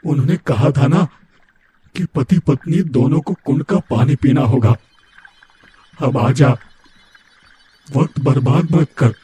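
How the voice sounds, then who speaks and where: A man voicing a ghostly male spirit who pleads and beckons, repeating a name in a breathy, hollow way. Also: medium pitch, slow, pauses often, dark tone, voice pushed up. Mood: insistent. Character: ghostly male spirit luring a young widow. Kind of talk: horror storytelling.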